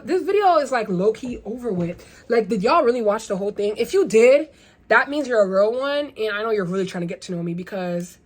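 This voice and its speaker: A young woman talking casually to her viewers in a rambling, animated vlog, firing off rhetorical questions. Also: mid-range voice. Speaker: vlogger. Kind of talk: casual get-ready-with-me vlog.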